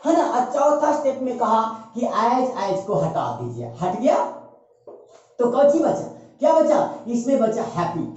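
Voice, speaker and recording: A man's voice: very high-pitched, sing-song, unhurried, darkish tone. A male teacher giving a grammar lesson, explaining emphatically and repeating key points with tag questions. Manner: repetitive, emphatic explaining with frequent "है ना" tags. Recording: echoey room, distant dull mic.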